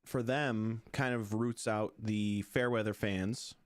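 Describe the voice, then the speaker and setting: A man's voice: on the low side, steady tone, takes it slowly, no room sound, clean studio sound. A man co-hosting a sports podcast, chatting casually with restarts and playful groans. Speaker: podcast co-host.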